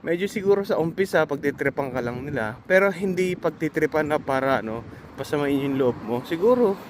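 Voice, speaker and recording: A man's voice: on the high side, expressive, brisk, a little hiss or hum. A Filipino man giving casual, earnest advice to fellow nurses in a vlog, reassuring and full of hesitant fillers.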